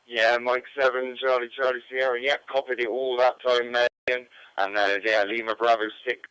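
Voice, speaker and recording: A man's voice: mid-range voice, flat delivery, moderate pace, pushed and bright, smooth, no echo. A man acting as net control on an amateur radio net, talking casually with many hesitant fillers. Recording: dull lo-fi radio audio.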